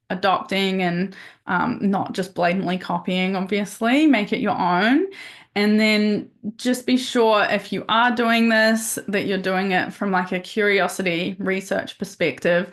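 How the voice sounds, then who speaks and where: Speaking at a medium pitch, a woman podcast host runs a casual webinar over a video call. She's chatty and upbeat, with lots of fillers and restarts.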